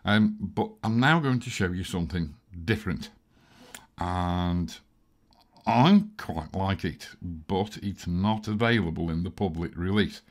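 A man explaining photo editing software in a chatty, self-deprecating tutorial. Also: low voice, a little slow. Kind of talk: screen-recorded software tutorial.

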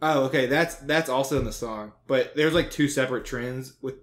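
A young man co-hosting a podcast, chatting and joking with friends. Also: medium pitch. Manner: joking, chatty, quick to react. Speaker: podcast co-host. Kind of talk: casual chat.

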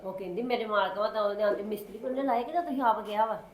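A woman with a Punjabi accent playing a sly neighbour in a short film, talking quickly and repeating her denials. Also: mid-range voice, close to an everyday voice. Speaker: neighbour Sukhwinder.

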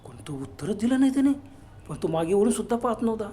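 A man narrating a horror story in a hushed, suspenseful way. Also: sits high, very animated, quick pace, slight background noise.

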